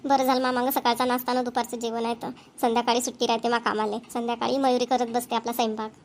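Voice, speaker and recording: In a family cartoon, a woman voices an overworked village housewife who sounds plaintive and complains constantly. Her natural voice sits on the high side with little pitch movement, she talks fast, and she has a rural Varhadi Marathi accent from Maharashtra.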